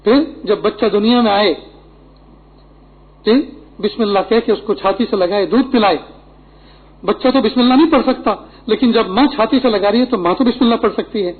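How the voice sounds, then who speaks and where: A man's voice: high voice, slightly rough. A middle-aged man preaching a Friday sermon, earnest and instructive, with Arabic quotations. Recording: tinny phone-like lo-fi recording.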